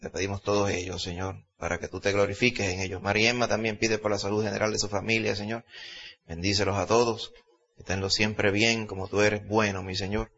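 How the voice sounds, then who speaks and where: A man's voice: fairly low pitch, fairly bright tone. A man with a Puerto Rican accent, a pastor preaching and praying aloud in a church service with emphatic delivery and earnest petitions. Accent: Puerto Rican Spanish. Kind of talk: sermon and spoken prayer. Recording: dull lo-fi recording.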